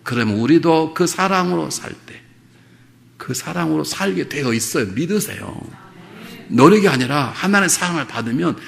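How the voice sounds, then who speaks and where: Lively, gravelly Korean pastor preaching. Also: male voice, a little high, normal speed, slight background noise. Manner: humorous storytelling, rising to fervent exhortation. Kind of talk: revival sermon.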